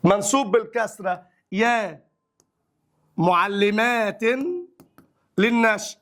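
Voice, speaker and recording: Brisk Egyptian teacher with a high voice. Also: male voice, slight background noise. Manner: drawls example phrases slowly, then explains briskly in colloquial speech. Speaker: Arabic grammar teacher. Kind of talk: classroom lesson explaining grammar exercises.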